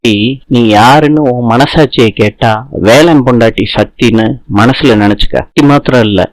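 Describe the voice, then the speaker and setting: A man's voice: medium pitch, moderate pace, no room sound, lightly acted, rough recording. Tender young husband, protective and teasing read by a man, dry and close-miked. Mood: devoted. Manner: reading the lines flatly in his own voice.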